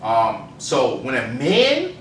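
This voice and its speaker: A man's voice: mid-range voice, wildly swooping pitch, takes it slowly. A man co-hosting a podcast, explaining his opinions in casual, emphatic conversation. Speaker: podcast co-host. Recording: roomy, distant mic, faint noise.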